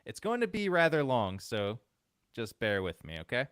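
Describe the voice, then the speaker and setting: A man hosting a podcast, telling a story in relaxed casual chat and laughing often. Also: mid-range voice, normal speed, clean tone, no echo, studio quality. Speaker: podcast host.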